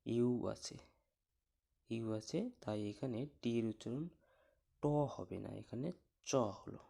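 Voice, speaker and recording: A man teaching English pronunciation rules in a slow step-by-step lesson, spelling words out letter by letter and patiently asking and answering his own questions. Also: lowish voice, vocal fry, dark tone, slightly rough.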